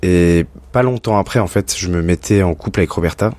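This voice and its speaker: A young man, a guest on a radio show, recounts his story with frequent pauses and hesitations. His voice is very low. The studio sound is dry and close. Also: a little mellow, no room sound. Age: young adult. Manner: hesitant, many fillers. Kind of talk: personal testimony in an interview.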